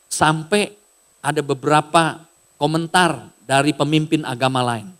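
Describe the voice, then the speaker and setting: Animated pastor, higher voice. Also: male voice, a little slow. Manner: casual, animated preaching with raised shouted bits. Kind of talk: sermon.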